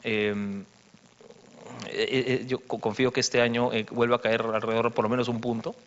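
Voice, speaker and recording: A man's voice: mid-range voice, little pitch movement, moderate pace, slight background noise. A man giving an explanatory conference presentation on slides, using frequent fillers and tag questions. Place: congress conference hall. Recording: reverberant hall, dull broadcast audio.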